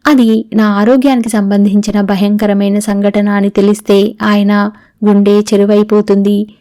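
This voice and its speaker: A woman's voice: mid-range voice, flat delivery, normal speed, mellow, no room sound, clean studio sound, lightly acted. A woman reading as a dying young daughter. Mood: sorrowful. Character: young woman, terminally ill, writing to her father. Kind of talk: audiobook reading of a novel.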